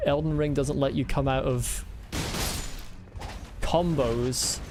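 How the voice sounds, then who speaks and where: A man's voice: mid-range voice, drawn-out words, noisy background. A man giving playful, chatty commentary while playing a video game, yelping whenever he gets hit. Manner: playful, chatty, yelps at hits. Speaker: gaming channel host. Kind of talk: let's-play commentary. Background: game music.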